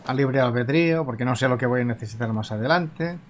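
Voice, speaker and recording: A man's voice: mid-range voice, fairly quick, slight background noise. A man casually commenting as he plays a video game, musing aloud to himself. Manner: musing aloud, chatty asides. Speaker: let's play host.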